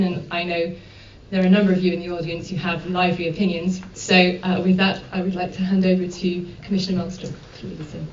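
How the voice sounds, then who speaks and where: A woman moderator opens an event with formal introductions, pausing often on ums and uhs. She sounds set back from the microphone in a reverberant room. The recording is dull, with a faint hiss underneath. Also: fairly low pitch, darkish tone. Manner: measured, with frequent ums and uhs. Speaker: panel moderator. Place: conference room. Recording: dull, echoey hall from far off.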